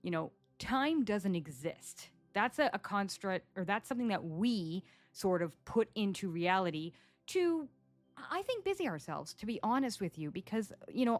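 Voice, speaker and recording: A woman in her forties hosting a casual solo podcast, chatty and animated, telling stories and acting out what her clients say. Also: mid-range voice, no echo. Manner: chatty, animated storytelling, acts out quoted clients. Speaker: psychic podcast host. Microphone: studio microphone.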